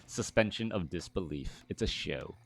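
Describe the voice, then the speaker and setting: A man in his thirties calls a live strategy game, his voice sitting a little on the low side. He rambles off topic easily, restarting sentences and piling on fillers as he chats with his viewers. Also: lively intonation, moderate pace, creaky, slight background noise. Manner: rambling, chatty, many restarts and filler words. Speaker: game caster. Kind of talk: live game commentary with casual chat.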